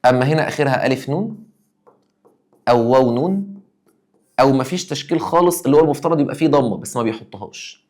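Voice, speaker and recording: A man's voice: mid-range voice, animated, fast, long pauses, a little mellow. A young man with an Egyptian Arabic accent, a teacher giving an exam review lesson, emphatic and acting out his students' questions.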